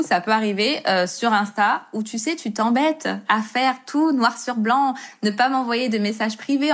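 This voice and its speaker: Easygoing woman in her thirties. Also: mid-range voice. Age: 30s. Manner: easygoing, hesitant, laughs often. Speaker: wedding tattoo artist, podcast guest. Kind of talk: casual interview chat.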